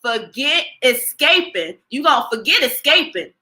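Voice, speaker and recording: Bright, high-voiced woman urging on listeners. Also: normal speed. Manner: energetic, encouraging, preacher-like urging. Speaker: podcast co-host. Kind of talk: casual motivational chat.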